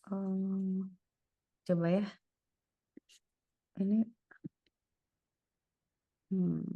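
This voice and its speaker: A woman's voice: mid-range voice, a little mellow, dry recording. A woman tutoring one student, working through problems aloud and murmuring each step as she goes. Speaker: private tutor.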